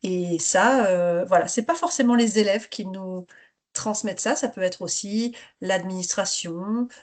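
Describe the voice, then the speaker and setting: Hosting an interactive teacher-training webinar on a video call, a woman encourages the participants to share. Her voice is mid-range and her pace measured.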